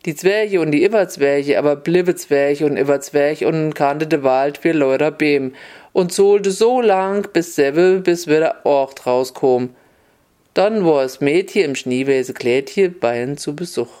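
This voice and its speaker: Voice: medium pitch, measured pace, a little mellow. A storyteller with a reading a fairy tale in a homely, wry manner.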